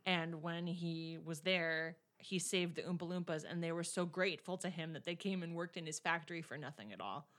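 A woman co-hosting a casual podcast, playful and quick to laugh. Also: lowish voice, a bit bright. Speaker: podcast co-host. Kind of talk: casual chat.

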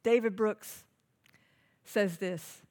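Here a woman pastor speaks very slowly, her medium-pitched voice warm in tone. Emphatic throughout, she asks her listeners pointed questions and repeats important phrases so they can be written down.

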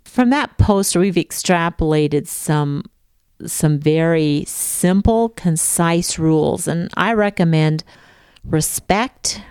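A middle-aged woman and homeschooling teacher speaking to parents in a measured, emphatic, folksy way. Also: fairly low pitch, a little mellow, clean tone, dry recording, clean studio sound. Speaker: homeschooling teacher giving a talk. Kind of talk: talk to parents.

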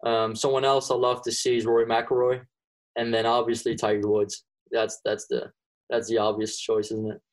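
A young Belgian golfer whose first language is Dutch (Flemish) answers interview questions in a medium-pitched voice at normal speed. He's relaxed and casual, with lots of ums and restarts.

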